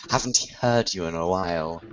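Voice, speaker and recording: A man's voice: low voice, a little slow, crowd noise. A man hosting a casual group video hangout, teasing and laughing often. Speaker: hangout host. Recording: dull lo-fi call audio with faint noise.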